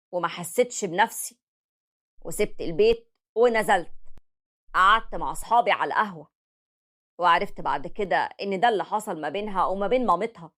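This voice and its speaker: A woman's voice: on the low side, fairly bright tone. A woman with an Egyptian accent narrating a first-person story, confiding in listeners. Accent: Egyptian Arabic. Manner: confiding, addresses listeners directly.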